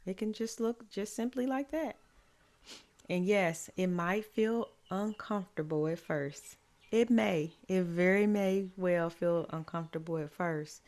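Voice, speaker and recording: Her voice a bit hoarse and raspy, fairly low and darkish in tone, a woman life coach gives slow, uplifting advice grounded in faith. Key lines get repeated, and she adds affirming "mm-hmm"s along the way.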